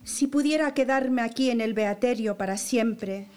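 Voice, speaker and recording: A woman playing a calm, condemned young heroine. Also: a little high, a little slow, close to an everyday voice. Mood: wistful. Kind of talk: radio drama reading.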